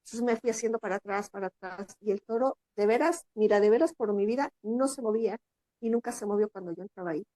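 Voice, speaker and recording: A Mexican woman speaks as an interview guest, telling a story with lively energy and slipping into higher voices for the people she quotes. Her voice sits at a middle pitch. It sounds close and dry, with hardly any room around it. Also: quick pace, no echo.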